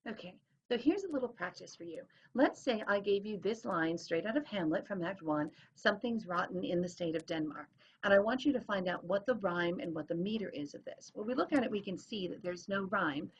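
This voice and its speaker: A woman's voice: mid-range voice, animated, fairly quick, few pauses, slightly rough. A woman teacher explaining things in a recorded lesson, sounding out rhythms as she goes. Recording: dull lo-fi recording.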